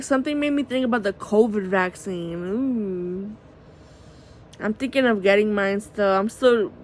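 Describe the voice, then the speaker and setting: A woman's voice: mid-range voice, a little hiss or hum. A woman vlogging at home late at night into her phone camera, rambling candidly, peppering her talk with "like" and swearing freely. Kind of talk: casual late-night vlog monologue.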